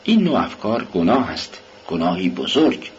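A man's voice: deep voice, big pitch swings, dull audio, slight background noise. A man reading an audiobook, voicing a grave priest who speaks solemnly and admonishingly. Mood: stern. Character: grave, stern male priest.

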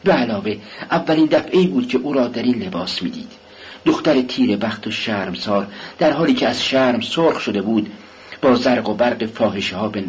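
Low-voiced, expressive male audiobook narrator. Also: slightly rough. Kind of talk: scripted narration. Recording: dull lo-fi recording with faint hiss.

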